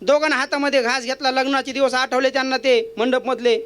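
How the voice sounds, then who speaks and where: High bright voiced guy doing a funny kirtan story, teasing the crowd. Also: level tone, a little fast, smooth. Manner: playful, jokey, acts out voices. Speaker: kirtan preacher. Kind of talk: devotional storytelling sermon.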